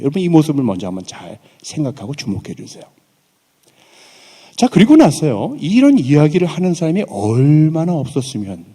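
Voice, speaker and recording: A man preaching a sermon in a chapel, telling a story with animated, acted-out dialogue in everyday slang. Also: mid-range voice, husky. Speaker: pastor. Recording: long hall reverb in a chapel.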